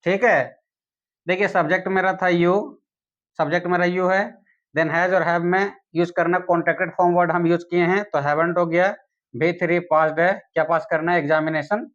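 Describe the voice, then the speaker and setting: A man teaching an English grammar lesson, asking the viewer questions and saying English examples slowly. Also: high-pitched, fairly even intonation, a bit bright, muffled recording.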